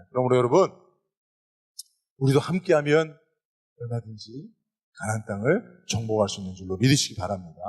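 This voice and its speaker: Animated husky-voiced male preacher. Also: medium pitch. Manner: animated preaching with calls of "여러분". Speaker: pastor. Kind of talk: sermon.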